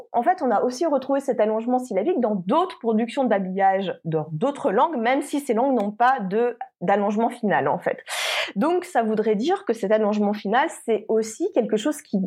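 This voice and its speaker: Hesitant woman researcher, high voice. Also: animated, moderate pace, a little mellow, husky. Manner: careful, many hesitations and restarts. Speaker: linguist researcher guest. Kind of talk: explanatory interview answers.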